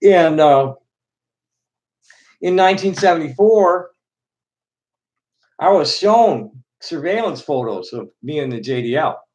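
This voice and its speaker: A middle-aged man from Chicago rambling casually to his chat, halting with frequent restarts and fillers. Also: a little high, lively intonation, darkish tone, rough recording. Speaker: live stream host.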